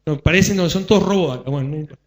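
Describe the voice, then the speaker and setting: A man's voice: on the high side, fast. A male pastor with a Rioplatense accent preaching a conversational sermon, repeating phrases for emphasis and making joking asides to the congregation. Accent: Rioplatense Spanish.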